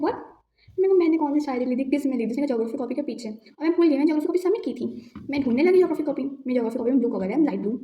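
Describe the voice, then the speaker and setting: A teenage girl telling a school story in a chatty, animated vlog. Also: sits high, lo-fi sound. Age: teens. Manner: chatty, animated retelling, quick to anger. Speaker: vlogger. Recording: echoey room with faint noise.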